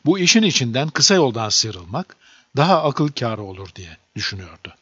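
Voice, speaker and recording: A man narrating a children's storybook aloud in a lively, expressive reading. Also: medium pitch, moderate pace, husky, no room sound. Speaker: audiobook narrator. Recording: dull lo-fi dry recording.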